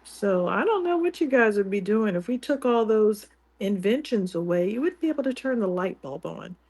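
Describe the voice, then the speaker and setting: A woman co-hosting a casual talk show, speaking in a deliberate, confident way with dry humor. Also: mid-range voice, lively intonation, a little mellow, husky. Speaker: co-host.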